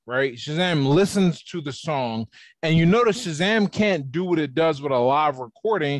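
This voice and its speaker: A man's voice: on the high side, no echo. A man being interviewed on a podcast, explaining his ideas at length in a casual, conversational way over a video call. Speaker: podcast guest.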